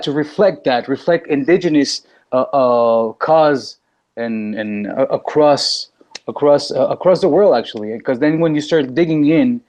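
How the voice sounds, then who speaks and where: A man from Canada, a musician and author on a panel, speaking haltingly with many restarts and fillers. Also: mid-range voice, a little mellow, dull audio. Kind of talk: panel discussion.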